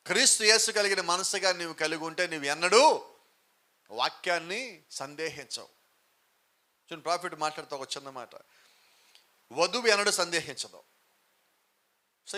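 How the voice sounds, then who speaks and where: A man's voice: high-pitched, pushed and bright. A man preaching a sermon with emphatic rhetorical questions, now and then mixing in English phrases. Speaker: pastor.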